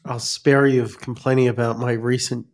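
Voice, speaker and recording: A man's voice: medium pitch, level tone, moderate pace. Male podcast host, conversational and casual, nose blocked up with a cold. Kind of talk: casual interview chat.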